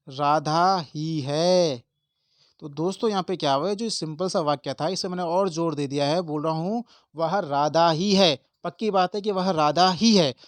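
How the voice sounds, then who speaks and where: A man's voice: a little high, no room sound. A man teaching an exam-prep lesson, explaining step by step and stressing key words to his viewers. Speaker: Hindi exam tutor.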